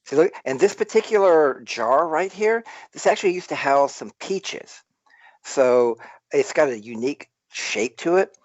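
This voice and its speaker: A man's voice: a little high, animated, measured pace, dry recording, dull audio. A man with a Southern American accent, a tipsy guest rambling boisterously in a casual live-stream chat. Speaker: guest toy artist.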